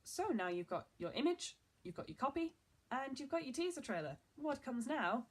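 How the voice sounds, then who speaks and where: A woman's voice: high voice, big pitch swings, moderate pace, husky. Chatty upbeat young woman presenter. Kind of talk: casual online marketing tutorial.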